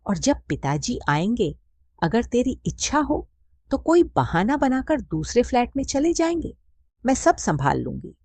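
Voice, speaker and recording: A woman voicing an affectionate, teasing middle-aged mother in a storybook reading, speaking in a soft, coaxing way. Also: fairly high pitch, big pitch swings, measured pace, no echo, pitched above the performer's own voice, full character voice. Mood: indulgent. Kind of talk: scripted story narration.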